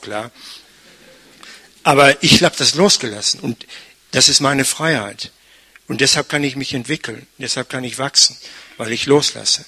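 A man's voice: medium pitch, bright, forceful tone, slightly rough. An older man, a pastor, preaching a conversational sermon, frequently tagging his sentences with "ne?". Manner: chatty, frequent tag "ne?".

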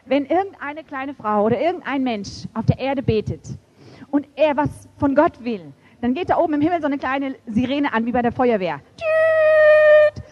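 A middle-aged woman preaching a sermon in an animated storytelling way, acting out the voices she quotes. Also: sits high, moderate pace. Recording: dull lo-fi recording.

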